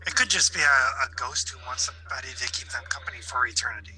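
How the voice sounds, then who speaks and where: A man's voice: mid-range voice, fast talker, crowd noise, low-quality recording. A man playing a tabletop role-playing game, speaking casually in his role. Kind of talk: casual role-play chat.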